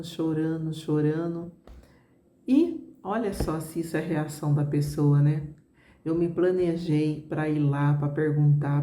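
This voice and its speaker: A middle-aged Brazilian woman with a Brazilian Portuguese accent tells her viewers a personal story. Her voice is deep and mellow, and she keeps a chatty tone with many little asides to the audience. The recording carries a noticeable room echo. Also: slight background noise. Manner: conversational, fillers like "né" and "gente", addresses viewers directly. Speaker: travel vlogger.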